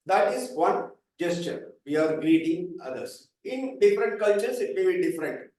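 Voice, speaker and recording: A man's voice: high-pitched, animated, moderate pace, a little mellow. A man, presenting a speaking workshop and patiently calling up volunteers. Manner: explains patiently, calls up volunteers. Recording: echoey hall, mic from far off.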